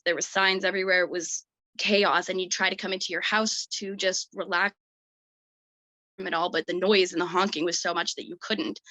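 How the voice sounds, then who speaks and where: A woman giving emotional, halting personal testimony at an online public hearing over a video call. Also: medium pitch, bright, forceful tone, no echo, poor audio. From Canada. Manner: earnest, emotional, halting with fillers.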